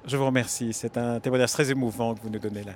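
A man's voice: medium pitch, fairly even intonation, fast talker, darkish tone. A male reporter conducts interviews outdoors at a city station. He asks his questions with frequent small restarts and repeated words. Faint traffic noise sits in the background. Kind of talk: field interview.

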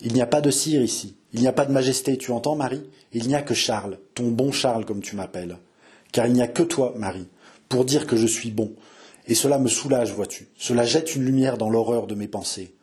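A tormented young king in a read-aloud novel, as a man acts him out, his husky, breathy voice full of dread. His pleading turns into shrill, raving cries about plots against him. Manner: rises to frantic high shouting.

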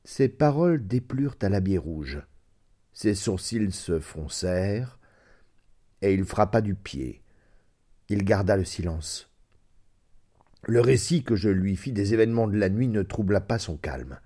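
A man narrating a story aloud as an audiobook in a measured, even way. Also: lowish voice. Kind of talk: audiobook reading.

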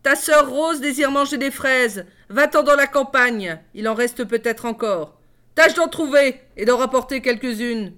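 A woman's voice: high voice, big pitch swings, a little slow, voice pushed up. A woman voicing a cruel stepmother who barks orders in a curt, scolding tone. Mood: harsh.

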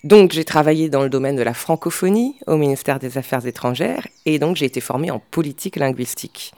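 A woman's voice: low-pitched, a little fast, dark tone, no echo. A middle-aged woman speaking as an interview guest, in a hesitant way with frequent fillers and restarts. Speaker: guest, language specialist. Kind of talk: conversational interview.

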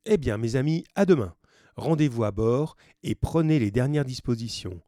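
A man's voice: mid-range voice, expressive, normal speed, warm tone, no room sound, studio quality, voice pushed up, lightly acted. A man reading the part of a sturdy sea captain of about sixty, hearty and commanding.

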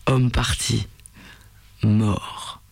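A man voicing a hulking, sorrowful turtle-man creature who speaks in broken, halting phrases with a rocky, rumbling voice. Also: level tone, creaky, heavily acted. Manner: halting two-word phrases.

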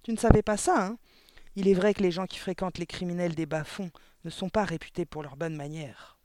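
A man's voice: high-pitched, steady tone, a little fast, darkish tone, no room sound, lightly acted. A man reading a storybook aloud, voicing a cruel, furious woman headmistress who bellows insults at a pupil. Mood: mock-sweet.

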